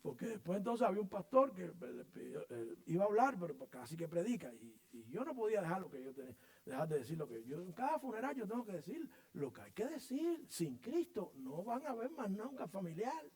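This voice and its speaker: Animated high-voiced pastor preaching. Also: male voice, fast, few pauses. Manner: animated storytelling, acts out voices and sounds. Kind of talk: sermon. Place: church.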